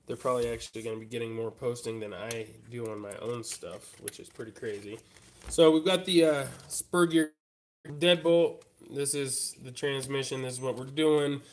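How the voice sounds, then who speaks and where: A man with a mid-range voice, stuffy and congested from a head cold, chats casually with his live-stream viewers while working at a hobby workbench. He's laid-back and talkative, addressing viewers directly, with slight noise in the background.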